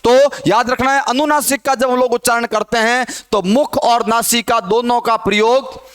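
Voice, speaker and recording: High, smooth-voiced male Hindi teacher. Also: fairly even intonation, normal speed, fairly bright tone. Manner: asks questions and answers them himself. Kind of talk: classroom grammar lesson.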